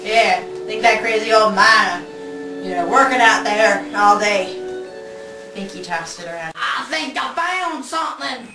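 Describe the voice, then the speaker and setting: A woman's voice: medium pitch, expressive, unhurried, over loud music, lightly acted. A young woman playing a folksy Old West saloon keeper in an amateur Western parody. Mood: folksy, chatty. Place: basement den at home. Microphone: camcorder across the room. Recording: roomy, distant camcorder sound.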